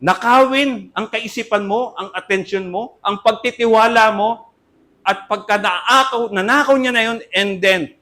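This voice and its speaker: Older filipino preacher guy, pretty high voice, earnest, goes loud then quiet. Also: unhurried. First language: Tagalog. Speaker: pastor. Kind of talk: sermon.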